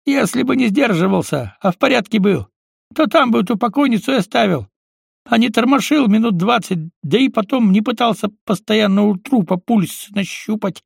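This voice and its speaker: A man voicing a gruff, blunt male companion who grumbles in an audiobook. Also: sits high, expressive, normal speed, dry recording, studio quality, pitched above the performer's own voice, full character voice. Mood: grumbling.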